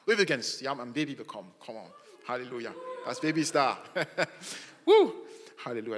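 A pastor in a church hall delivers an animated sermon, his bright, forceful voice rising to loud emphasis and dropping to soft asides. A long reverb trails each phrase through the room. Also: mid-range voice.

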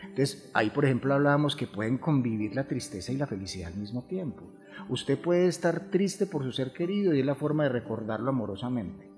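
A man speaks in a calm, explanatory way, often posing a question and then answering it himself. His voice sits in the middle range. It rings with a long hall reverb over faint background music. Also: medium pitch, fairly quick. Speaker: grief therapist guest. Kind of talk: reflective podcast conversation.

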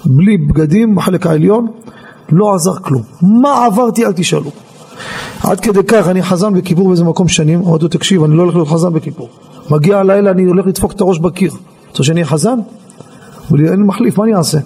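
A rabbi telling a personal story in a Torah class, acting out the lines of the people in it. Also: male voice, high-pitched, slightly rough. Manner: animated storyteller, acts out other people's lines. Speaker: rabbi giving a lesson. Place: study hall.

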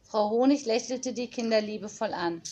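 A woman narrating a children's story aloud in a calm, measured reading style. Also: on the high side. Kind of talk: audiobook storytelling.

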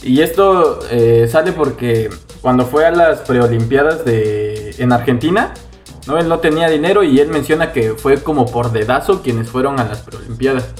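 Medium-pitched Mexican man, halting podcast chat. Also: soft background music. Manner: halting, searching for words. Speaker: podcast co-host.

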